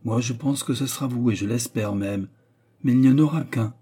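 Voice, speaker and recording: A man reading aloud as a sly, calm abbé who speaks in a measured, cool way. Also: medium pitch, slightly rough, close to an everyday voice. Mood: cautioning. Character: sly, calm male abbé, coolly probing.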